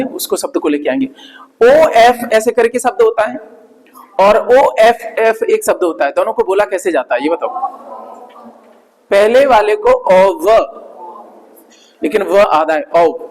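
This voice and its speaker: A man's voice: high voice, darkish tone. A man teaching English vocabulary in Hindi, drilling pronunciation and checking in with his class again and again. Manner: repetitive, drills words, checks in with "ठीक है ना"; slow, drawn-out spelling of sounds. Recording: long hall reverb.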